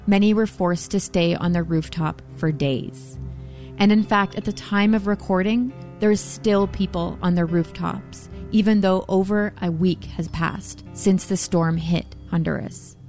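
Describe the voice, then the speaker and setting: A woman reporter reads a scripted news report in a serious, steady tone. Her voice has a gravelly, creaky edge throughout. Soft music plays low underneath her.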